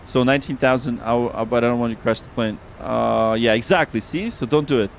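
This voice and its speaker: Speaking fast with a creaky, mid-range voice, this livestream host runs a casual flight sim stream, talking loosely and saying things twice. Slight background noise can be heard.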